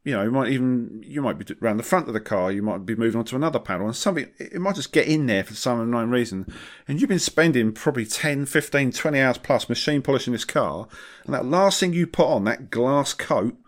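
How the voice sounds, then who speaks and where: A man's voice: mid-range voice, animated, fast talker. A man chatting casually as a podcast host, wry and jokey, using British slang. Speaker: podcast host and car detailer.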